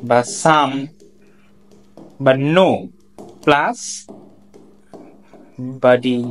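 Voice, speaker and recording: A tutor talks through exam answers in a recorded lecture, at a middling pitch. Each point comes with rhetorical questions and quick checks that listeners are following. English example sentences are read out slowly and deliberately. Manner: explains step by step, asks rhetorical questions, checks understanding. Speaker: English tutor for admission exams.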